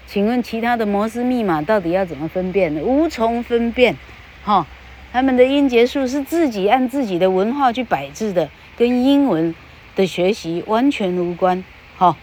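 In her casual pronunciation podcast, the woman stretches out example words and sprinkles little fillers after her sentences as she chats into the microphone. Her slightly high voice is animated and a little mellow at a moderate pace, and the poor audio has slight background noise.

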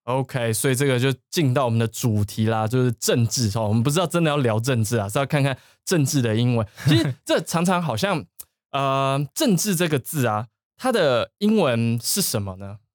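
A man's voice: mid-range voice, normal speed, no echo, studio quality. A man hosting a bilingual English lesson, asking his co-host questions and explaining word use. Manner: lively, questioning, prompts co-host.

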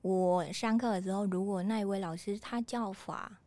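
A woman's voice: mid-range voice, steady tone, moderate pace, mellow. A woman from Vietnam with a Vietnamese accent, a foreigner speaking Mandarin as a learned language in short phrases, telling her story conversationally as an interview guest. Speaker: calligraphy artist, interview guest.

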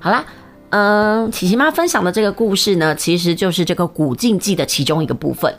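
A woman telling an old tale in a lively, conversational way with many fillers. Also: fairly low pitch, a little fast, soft background music. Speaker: storyteller. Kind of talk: storytelling narration.

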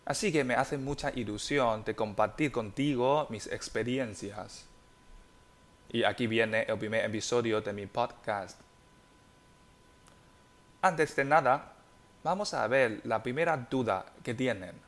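A young man whose first language is Chinese, teaching in a podcast lesson, spelling out words and tones slowly and deliberately. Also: mid-range voice.

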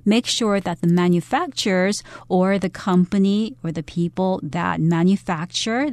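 A woman co-hosting an English lesson, explaining in a measured, didactic way and restating phrases. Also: medium pitch, a little mellow, no echo. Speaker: English teacher, co-host.

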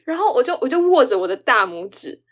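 Husky-voiced woman hosting a chatty podcast. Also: fairly high pitch, quick pace. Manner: expressive storyteller, acts out quoted dialogue, laughs often. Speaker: podcast host. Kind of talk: casual chat.

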